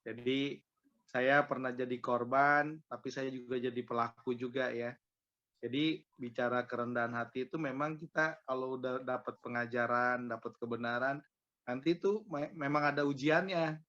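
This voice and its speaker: A man telling a personal testimony to his small group in a casual, animated way, full of repeated filler tags. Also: mid-range voice. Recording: dull lo-fi recording.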